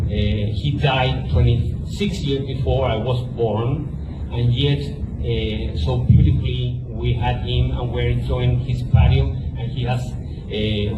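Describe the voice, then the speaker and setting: A man in his fifties from Chile, with a Chilean Spanish accent, giving an earnest, halting speech with frequent restarts to an audience at a book presentation. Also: medium pitch. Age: 50s. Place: historic mansion event space. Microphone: handheld microphone. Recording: distant, echoey, dull sound with loud music.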